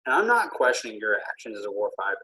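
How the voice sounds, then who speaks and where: A man who is feeling ill, a military veteran speaking earnestly and haltingly with many pauses in a casual podcast conversation. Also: fairly low pitch, very animated, sharp tone, rough recording.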